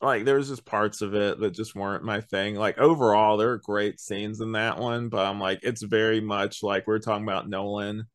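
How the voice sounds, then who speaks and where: Reviewing an audio drama as a podcast co-host, a man rambles casually and opinionatedly, frequently quoting what he himself thought. His lowish voice has fairly even intonation and a moderate pace, with hardly any pauses.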